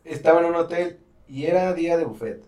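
A man's voice: on the high side, a little fast, darkish tone, reverberant, far from the mic. A man co-hosting a podcast, reading listener stories aloud in casual, crude, swearing banter. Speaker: podcast co-host.

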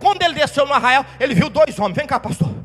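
Fiery male pastor, high voice, quick delivery, long reverb in the hall. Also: expressive. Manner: fiery storytelling preacher, shouting at peaks. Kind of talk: sermon. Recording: reverberant hall with faint music.

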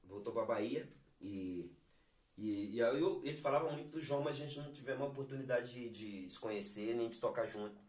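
A Brazilian singer-songwriter guests on a podcast, telling stories in laid-back slang with a mid-range, darkish voice that runs a little fast. The chat includes live singing, and the roomy recording has a distant mic with guitar in the background.

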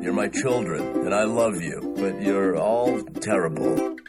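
A man voicing a weary cartoon professor dad with a blunt, deadpan delivery, over loud music. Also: sits low, measured pace.

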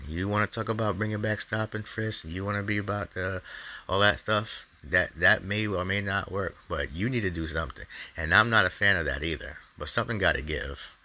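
A man's voice: low voice, brisk, pushed and bright. A man hosting his own show, delivering an angry, profane opinion monologue in a heated, ranting way. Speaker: comedian podcast host.

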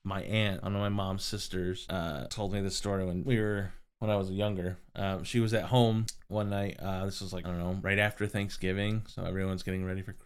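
A man's voice: low voice, flat delivery, fairly quick, hardly any pauses, clean tone. A young man casually telling family ghost stories on a podcast, rambling with lots of fillers. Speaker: podcast co-host. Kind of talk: casual storytelling.

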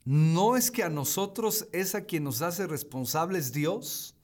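Preacher, male, 30s: high voice, unhurried, emphatic, repeats his key lines. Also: expressive, a little mellow. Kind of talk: streamed sermon.

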